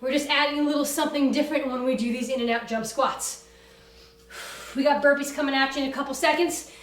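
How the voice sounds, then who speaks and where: High-pitched woman coaching a workout, echoey. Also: steady tone. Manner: brisk, commanding, motivational coaching. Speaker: fitness class instructor. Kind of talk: energetic workout instruction with cues and countdowns. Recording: roomy echo, distant from the mic.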